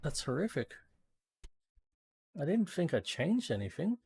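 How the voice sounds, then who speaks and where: A man's voice: fairly high pitch, big pitch swings, measured pace, creaky, mellow, breathy edge, no echo, studio quality. An Australian man streaming games, chatting in a casual, rambling, laid-back and sweary way. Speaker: game streamer. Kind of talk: casual rambling livestream chat.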